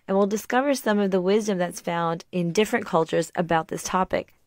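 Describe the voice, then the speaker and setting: A middle-aged woman hosting a podcast. She reads a scripted talk in a calm, measured way, and a sore throat leaves her voice slightly raspy. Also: medium pitch, no room sound, clean studio sound. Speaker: podcast host.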